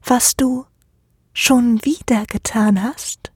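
A woman voicing a sinister shadowy male entity, sneering and hissing in slow, cold whispers. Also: fairly high pitch, fairly even intonation, slightly rough, no room sound, studio quality. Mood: mocking.

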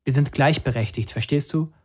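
A man's voice: mid-range voice, a little fast, husky, lightly acted. A man reading an audiobook, voicing a cool, blunt young woman singer in a dry, matter-of-fact way. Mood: sharp warning.

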